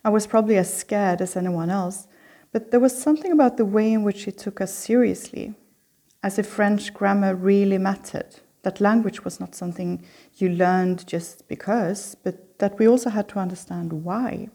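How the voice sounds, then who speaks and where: A middle-aged woman from Sweden giving a prepared opening lecture as host of a lecture series, in a measured, reflective reading. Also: medium pitch, dark tone.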